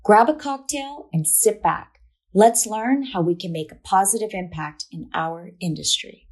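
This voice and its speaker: A woman's voice: medium pitch, measured pace, a little mellow. A woman host reading a scripted show introduction in a polished way. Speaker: podcast host.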